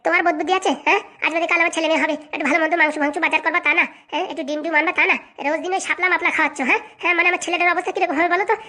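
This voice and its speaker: A woman voicing a shrill, nagging cartoon wife. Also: fairly even intonation, rapid-fire, few pauses, bright, forceful tone. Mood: scolding. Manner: scolding, nagging with constant "haa?" tags. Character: demanding pregnant young wife, sharp-tongued and haughty. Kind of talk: comic cartoon dubbing.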